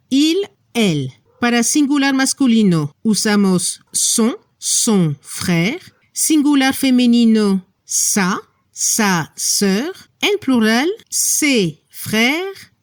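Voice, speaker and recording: Slow, lively-pitched woman teaching a lesson. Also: dry recording, clean studio sound. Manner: slow, careful, drawing out example words. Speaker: language teacher. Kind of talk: step-by-step lesson explanation.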